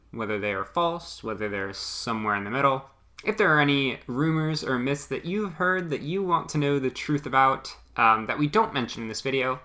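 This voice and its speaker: Bright-voiced young man chatting casually. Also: medium pitch. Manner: rambling, dry joking. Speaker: podcast co-host, former theme park worker. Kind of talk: casual chat.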